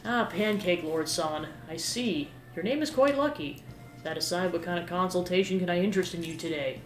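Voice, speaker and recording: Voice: medium pitch, moderate pace, natural voice. A game player voicing a mysterious young woman fortune teller with formal, ominous soothsaying patter. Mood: courteous. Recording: roomy echo with game music behind.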